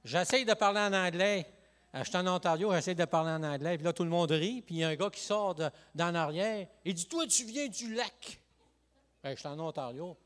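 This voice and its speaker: A male pastor from Lac-Saint-Jean with a Quebec French accent, giving a lively, joking evangelical sermon full of "hey" and "amen" interjections. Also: on the high side, fast. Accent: Quebec French, Saguenay–Lac-Saint-Jean. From Quebec, Lac-Saint-Jean region. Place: church sanctuary.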